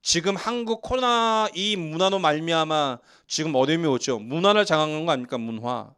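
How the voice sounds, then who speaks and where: A man's voice: a little high, fairly quick, clean tone. A male pastor from Seoul preaching a sermon in a church and joking with the congregation. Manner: joking with the congregation, lively asides. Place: church sanctuary.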